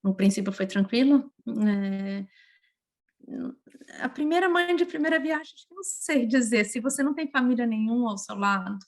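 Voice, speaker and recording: A woman's voice: on the high side, moderate pace. A woman from Brazil, speaking with a Brazilian Portuguese accent, tells personal stories as a guest in a casual podcast interview. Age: adult, mother of a young child. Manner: lively, emotional personal storytelling.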